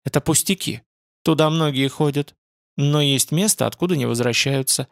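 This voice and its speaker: A man's voice: on the high side, normal speed, gravelly, dry recording, studio quality. A man voicing a grave, proud female spirit being who speaks in a solemn, reserved way.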